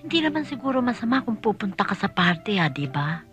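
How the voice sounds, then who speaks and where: Sneaky indulgent mom, coaxing and low-key, medium voice, music behind. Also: female voice, very animated, fast talker, fairly bright tone. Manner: coaxing, conspiratorial. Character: scheming indulgent mother. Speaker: mother in a film comedy.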